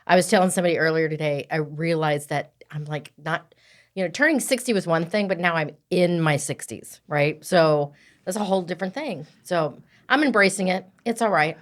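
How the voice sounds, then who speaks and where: A woman in her sixties hosting a podcast, chatting warmly with her guest and often checking in with "right?". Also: fairly low pitch, fairly quick. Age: 60s. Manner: warm, affirming, often says "right?". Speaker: podcast host. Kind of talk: casual interview chat.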